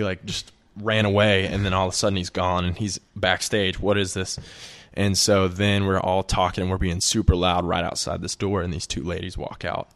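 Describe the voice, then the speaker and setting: A man's voice: deep voice, a bit bright. A young man, a podcast guest telling a long story casually, full of "like" fillers and laughing often. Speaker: guest musician.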